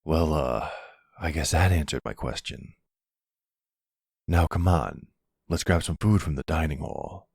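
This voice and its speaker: In an intimate roleplay audio drama, a man voices a middle-aged mafia boss who is a devoted stepfather, using an exaggerated, husky, gravelly bass with a darkish tone. He speaks tenderly, affectionate and wry, unhurried and pausing often, in clean studio sound without echo.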